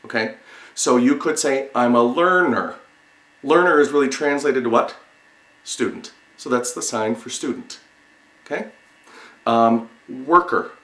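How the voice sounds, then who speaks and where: A man's voice: mid-range voice, fairly bright tone. Man teaching in an echoey room. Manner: halting, explanatory, repeats single words with pauses. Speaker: sign language teacher. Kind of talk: instructional lesson, demonstrating word by word. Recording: roomy, echoing sound.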